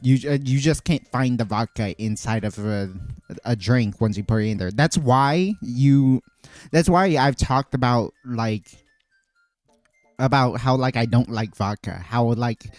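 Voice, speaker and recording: A man's voice: mid-range voice, unhurried, darkish tone, no echo, faint music behind. A man streaming while making cocktails, chatting casually and rambling with many fillers and restarts. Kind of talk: casual chat.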